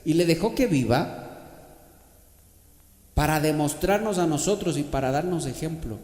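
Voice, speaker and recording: A male pastor preaching a sermon, swinging from loud shouted passages to quiet, soft speech, addressing the congregation as brother and having them repeat after him. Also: a little high, expressive, normal speed. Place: church sanctuary. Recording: echoey church hall.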